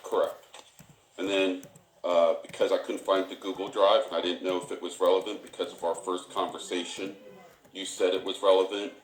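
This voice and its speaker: A man with a deep voice runs a formal recorded interview as an investigator. He speaks haltingly and procedurally, often repeating himself. The sound is a dictaphone-style recording with clear room echo. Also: level tone, a little hiss or hum. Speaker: police internal affairs interviewer. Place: indoor room. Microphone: tape recorder in the room.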